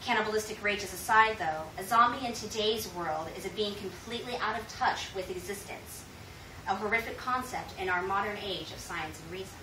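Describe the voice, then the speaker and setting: A brisk, mid-range female voice from the United States presents a scripted informative speech with formal rhetorical flair. Picked up from a distance, the audio has room echo and loud noise, with the audience gathered in an indoor space.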